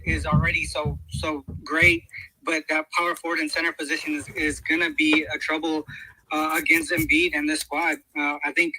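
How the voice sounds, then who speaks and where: Man, bright sharp voice, basketball betting picks, halting with fillers, dry sound. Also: fairly high pitch, dry recording, low-quality recording. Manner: halting, many fillers and restarts. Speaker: betting show guest analyst. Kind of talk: casual betting analysis.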